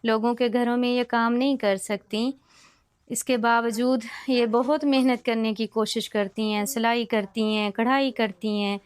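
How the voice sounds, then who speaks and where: A woman charity worker interviewing a family, asking gentle, consoling questions. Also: on the high side, fairly even intonation, clear, resonant tone. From Pakistan. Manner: gentle, consoling, asks soft leading questions. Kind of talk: sympathetic on-site interview.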